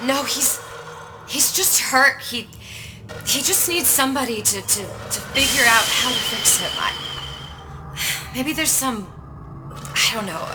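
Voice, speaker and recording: An actress playing an emotional, determined young heroine in a dramatic video game. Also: female voice, sits high, animated, unhurried, long pauses, over loud music. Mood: hesitant, soothing.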